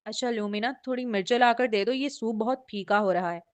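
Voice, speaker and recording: A woman's voice: a little high, brisk, lightly acted. A woman reading the lines of a stubborn, demanding young man who is the hero of a romance novel. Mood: teasing. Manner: demanding and insistent.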